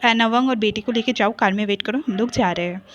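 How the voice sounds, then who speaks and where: A woman voicing a calm, stern mother who speaks quietly and coldly, with her voice dropped lower. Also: fast talker, dull audio, lightly acted. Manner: quiet, cold, controlled.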